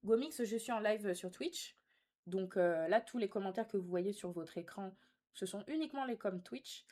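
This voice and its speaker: Chatting casually with her live stream viewers, a young woman speaks at a middling pitch and moderate pace with a darkish tone. She's sassy and teasing, full of slang, alternating between reading comments aloud and responding to them directly.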